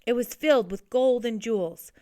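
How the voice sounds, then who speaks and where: A woman's voice: fairly high pitch, normal speed, dark tone, dry recording, studio quality. Woman reading a storybook aloud. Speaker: narrator. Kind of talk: reading a picture book aloud.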